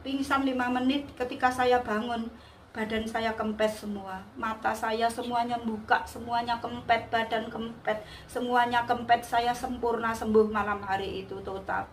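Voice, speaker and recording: A woman's voice: on the high side, fairly bright tone. A woman giving a personal testimony in a vivid, repetitive storytelling manner. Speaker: testimony giver. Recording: echoey room, distant mic, faint hiss.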